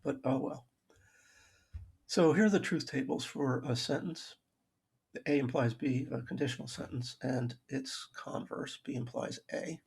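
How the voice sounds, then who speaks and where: A man's voice: medium pitch, unhurried, darkish tone. A man giving a recorded math lecture over slides, explaining logic with dry self-aware humor and frequent restarts. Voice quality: gravelly, husky voice.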